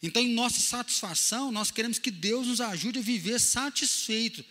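A pastor delivers an animated sermon, asking questions and playing out the people in his anecdotes. His voice sits high and sounds bright. A long reverb from the church hall trails after his words. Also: fairly quick. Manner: animated preaching with acted-out quotes, asks questions.

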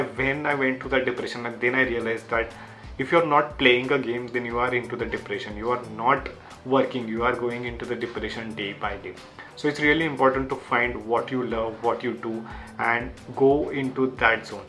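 A young man with a bright, forceful voice and a Marathi Indian accent talks to viewers about life lessons. His non-native English is earnest and simply phrased, with points often repeated. Faint music plays underneath. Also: medium pitch, fairly even intonation, moderate pace. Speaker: YouTube creator sharing book lessons. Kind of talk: self-help talk to viewers.

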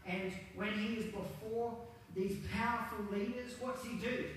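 A man delivering a Good Friday sermon in a relaxed, conversational way, full of rhetorical questions to the congregation. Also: sits high, a little slow. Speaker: pastor. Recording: very echoey hall, distant mic, faint noise.

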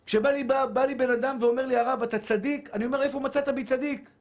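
A man preaching a Torah sermon as a rabbi, fervent and shouting, repeating phrases for emphasis and calling listeners his brothers. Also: extremely high pitch, fairly even intonation. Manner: addresses listeners as brothers and dear souls.

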